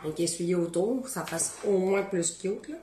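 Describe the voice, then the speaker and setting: A woman's voice: lowish voice, unhurried, noisy background. Chatty Beauce-accented woman in an echoey kitchen. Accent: Beauce Quebec French. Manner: chatty, animated, talks to viewers while tasting. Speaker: cooking show host. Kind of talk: casual cooking demonstration.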